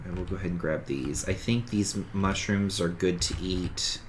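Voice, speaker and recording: A low-voiced man speaks at normal speed over slight background noise. He's a gaming streamer with a cold, his voice stuffy and sniffly, casually rambling through a survival game, catching his own mistakes and narrating every step of the let's-play.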